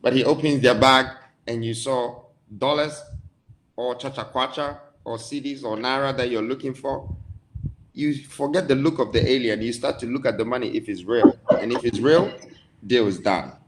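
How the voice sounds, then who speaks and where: A man from Ghana speaks in a grand, declamatory way, stretching his phrases for effect. His pitch sits in an ordinary middle range. A faint hum of background noise runs under the talk. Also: rough recording. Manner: grand, declamatory speech with dramatic pauses. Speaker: interviewed guest. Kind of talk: live online interview.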